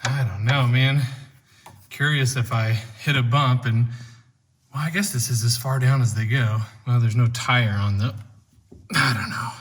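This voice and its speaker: A man's voice: medium pitch, fairly even intonation, a little slow, breathy edge, in a large hall. A man casually explaining car work step by step as a DIY vlogger, chatty with dry joking asides. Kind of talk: casual how-to narration. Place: home garage.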